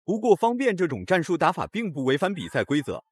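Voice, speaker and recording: A man's voice: fairly high pitch, huge pitch swings, fast, dry recording. A man narrating a scripted recap of a fight in a dramatic, opinionated way. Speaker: video narrator.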